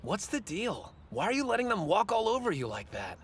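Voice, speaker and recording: A man's voice: high-pitched, wildly swooping pitch, fairly quick, slight background noise. A man voicing a short, fiercely determined teenage sumo wrestler in an anime dub, blunt and confident. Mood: stern.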